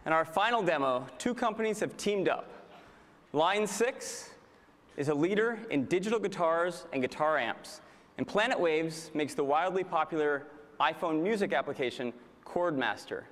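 A man's voice: on the high side, animated, moderate pace, a bit bright. Upbeat man presenting in a hall. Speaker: keynote presenter. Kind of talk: product keynote presentation. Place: large conference hall stage. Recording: large hall reverb.

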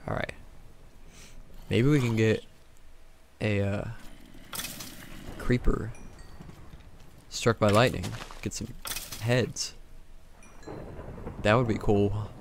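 A gaming YouTuber with a fairly low, steady voice speaks extremely slowly with long pauses, over slight background noise. He casually comments on his Minecraft game, talking to himself and to the mobs with frequent exclamations.

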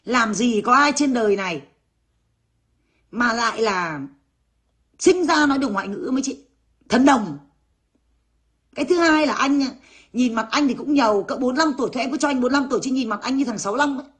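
A brash woman, delivering a blunt, foul-mouthed rant straight to her viewers. Her voice sits a little higher than most women's, and her talk is rough and unfiltered. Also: moderate pace, long pauses, fairly bright tone. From Vietnam. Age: 30s. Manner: blunt, brash, swears freely. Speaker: vlogger. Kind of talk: ranting monologue to viewers.

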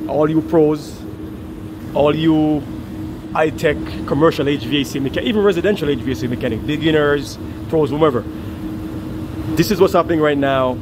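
Chatty HVAC tech over loud machinery. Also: male voice, a little high. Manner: chatty, repeats himself, restarts lines. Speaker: HVAC technician. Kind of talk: casual on-the-job vlog. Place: beside a commercial rooftop AC unit. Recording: loud machine noise behind the voice.

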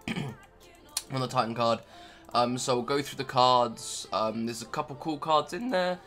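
A man's voice: medium pitch, unhurried, bright, forceful tone, faint music behind. A young man giving casual, rambling commentary over his card-game footage, full of ums and offhand remarks. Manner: rambling, filler-heavy, offhand. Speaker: gaming YouTuber.

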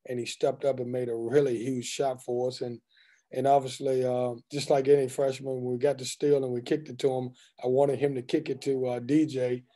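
A man in his forties speaks over a video call webcam, his voice mellow and dark-toned. He answers postgame questions in a candid, loose and joking way. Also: medium pitch, little pitch movement, moderate pace. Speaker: head basketball coach. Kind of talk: postgame press conference. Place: indoors in front of a team backdrop.

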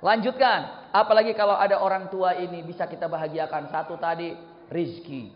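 A male preacher gives an animated sermon, putting questions to the audience and answering them himself, swinging from loud exclamations to hushed asides. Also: high voice, fairly quick. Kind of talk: Islamic sermon. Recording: echoey hall, dull lo-fi sound.

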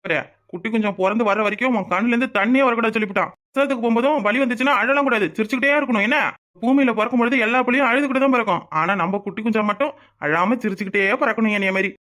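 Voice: medium pitch, very fast, a bit bright, lightly acted. Someone doing a swaggering doting village husband. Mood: cocky. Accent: southern Tamil (Tirunelveli). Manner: swaggering, playful, protective. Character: boastful doting young village husband, strong laborer. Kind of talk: cartoon voice acting.

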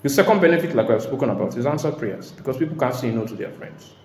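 A man preaching a sermon in an emphatic way, now and then bursting into shouts and laughter. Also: medium pitch, expressive, fast, a little hiss or hum. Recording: echoey hall.

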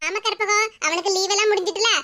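A woman's voice: very high-pitched, fairly even intonation, quick pace, pushed and bright, slight background noise. A woman voicing a chatty older mother-in-law in a cartoon, with a Kanyakumari Tamil accent. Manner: chatty, reassuring.

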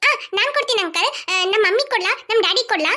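A woman's voice: very high-pitched, expressive, very fast, very noisy. A woman voicing a cheeky, bossy little girl in a cartoon, chattering and demanding. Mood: bold. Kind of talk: cartoon voice acting. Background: music.

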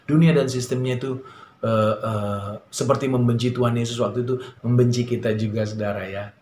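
A man preaching a sermon in a conversational way, often filling pauses and telling stories with animation. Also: medium pitch. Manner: conversational preaching with many fillers; animated storytelling. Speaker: pastor. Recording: roomy echo, faint ambient noise.

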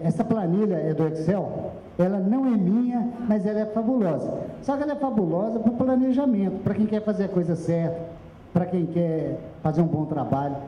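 High-voiced man lecturing in echoey room. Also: slight background noise. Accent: Brazilian Portuguese. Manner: emphatic, gesturing, directs slide operator. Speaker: speaker at a public accounting seminar. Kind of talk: explanatory presentation. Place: small meeting room with audience. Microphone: handheld microphone. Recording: echoey room recorded from afar, dull.

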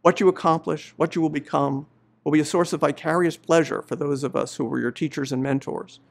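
Middle-aged male professor, gravelly and a bit high, earnest measured address. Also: fairly even intonation. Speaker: law professor giving faculty greetings. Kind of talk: formal commencement address. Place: indoor studio before a university banner.

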